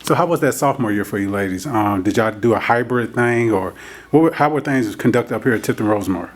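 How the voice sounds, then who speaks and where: A man's voice: lowish voice, quick pace. Man interviewing students. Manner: friendly, uses y'all, chuckles between questions. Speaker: newspaper editor interviewing students. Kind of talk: casual interview.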